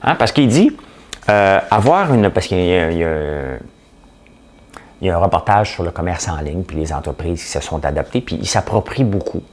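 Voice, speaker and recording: A man with a Quebec French accent hosts his show with a low, deep voice. His intonation rises and falls in a lively way as he delivers a blunt, joking monologue. He keeps throwing rhetorical questions at the listener. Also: moderate pace. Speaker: podcast host. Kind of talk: casual opinion monologue.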